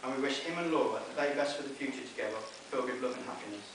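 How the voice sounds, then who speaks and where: A man's voice: medium pitch, very fast. Best man, young, reading a wedding speech; distant, heavily reverberant, noisy recording. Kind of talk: wedding speech, read from notes. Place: inside a wedding venue, speaking to guests. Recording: roomy echoing, noisy, distant event recording.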